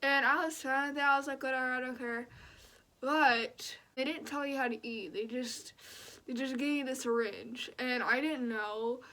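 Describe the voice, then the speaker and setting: A woman's voice: sits high, moderate pace, sharp tone. A young woman vlogging casually about her own experience, talking in a blunt, slangy way peppered with "like". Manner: blunt, slangy, frequent "like" filler. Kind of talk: casual personal vlog recounting.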